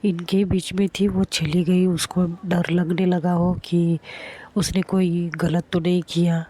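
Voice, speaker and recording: A woman's voice: fairly low pitch, little pitch movement, slow, mellow. A woman voicing a worried middle-aged mother in a told story, asking fretful questions. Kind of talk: storytelling narration.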